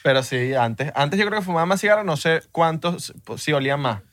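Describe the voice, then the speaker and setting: Young male cohost, slightly high, playful, dry close mic. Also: expressive, a little fast, a bit bright, dry recording. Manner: playful, laid-back banter. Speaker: podcast co-host. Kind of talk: casual chat.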